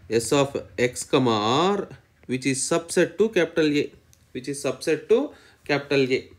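Guy teaching math, dictating slowly bit by bit, says each phrase again, medium pitch. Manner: dictating in short phrases, repeating each one. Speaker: mathematics lecturer. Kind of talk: lecture, dictating definitions as he writes.

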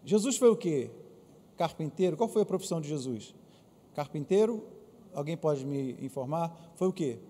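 Brazilian pastor, male, high and dark-toned, lively sermon delivery in a reverberant church hall. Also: normal speed. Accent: Brazilian Portuguese. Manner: lively preaching, asks the congregation to answer aloud. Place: church auditorium.

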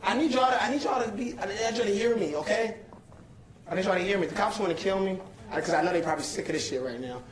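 A man's voice: sits high, fast talker. A young man giving an urgent, pleading speech to a crowded council chamber, often repeating himself to hold the room. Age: young adult. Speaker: protester addressing a council meeting. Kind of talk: impassioned public address. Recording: echoey chamber with loud crowd. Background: shouting crowd.

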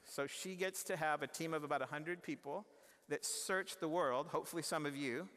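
A man's voice: a little high, normal speed, fairly bright tone. Earnest man speaking in a chapel hall. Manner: earnest, conversational, many restarts and fillers; gestures and moves about the stage. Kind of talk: chapel address. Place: large university chapel stage. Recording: long reverb of a large hall.

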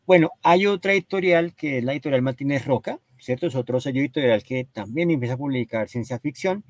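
A man talks his audience through a slide presentation at a mid-range pitch, pausing often and tacking a questioning tag onto nearly every phrase. His voice is recorded close and dry, with almost no room sound around it. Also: no room sound. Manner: hesitant, constantly tags phrases with "¿no?" and "¿cierto?". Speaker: lecturer presenting book cover art. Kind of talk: explanatory slide talk.

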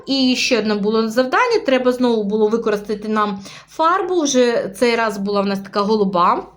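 A woman preschool teacher with a Ukrainian accent, patiently recapping a lesson for parents in a slow, careful way with drawn-out words and hesitations. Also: a little high.

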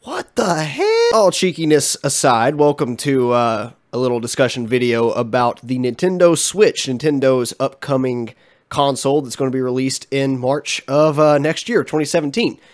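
A man's voice: medium pitch, moderate pace. Young dude with a blocked-up nose rambling on his vlog, lots of ums, medium voice. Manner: chatty and frank, many ums and uhs. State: congested, stuffy nose. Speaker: channel host. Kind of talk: casual commentary vlog.

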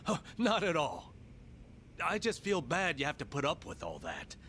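An actor playing a kindly, admiring office co-worker in a video game, polite, apologetic and earnest. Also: male voice, on the high side, huge pitch swings, moderate pace, a bit bright, a little hiss or hum, exaggerated voice. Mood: admiring, concerned.

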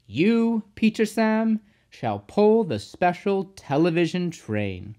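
A storybook narrator voicing a grave, authoritative male railway controller with measured speech. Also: medium pitch, sing-song, dark tone, voice pushed up. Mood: brisk, kindly. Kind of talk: children's storybook character voice.

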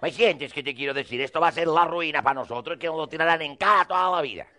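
A man's voice: fairly high pitch, fast talker, pushed and bright. A man telling a rambling, crude comic monologue in character, acting out both sides of the dialogue.

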